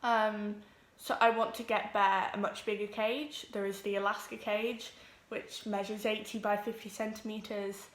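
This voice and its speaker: A teenage girl talks to her camera at home. She sounds nervous, rushes along and fills gaps with ums. Her voice sits in a middle pitch, and the room around her is echoey. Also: flat delivery. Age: teens. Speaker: vlogger. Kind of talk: casual vlog introduction.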